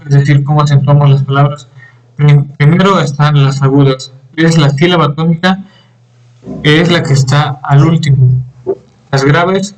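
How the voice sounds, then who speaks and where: A young man giving a class presentation on grammar, reading with halting pauses, fillers and throat clearing. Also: fairly high pitch, low-quality recording. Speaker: student presenter.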